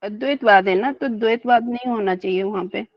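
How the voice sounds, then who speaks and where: A woman's voice: mid-range voice, brisk, no room sound, dull audio. A woman student politely asking her teacher a question in an online class.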